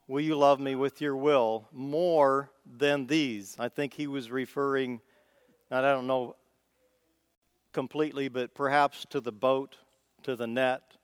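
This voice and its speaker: Midwest guy giving a laid-back sermon, clear smooth voice, no room echo. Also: mid-range voice. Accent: Midwestern American. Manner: folksy, conversational, thinking aloud with small restarts. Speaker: preacher. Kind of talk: informal sermon.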